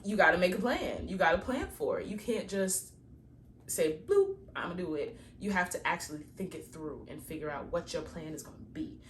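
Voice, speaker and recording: A woman's voice: fairly low pitch, animated, fairly quick, a little hiss or hum. A woman reading tarot cards and giving a casual, preachy pep talk, encouraging listeners to plan and believe in their dreams. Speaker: tarot reader.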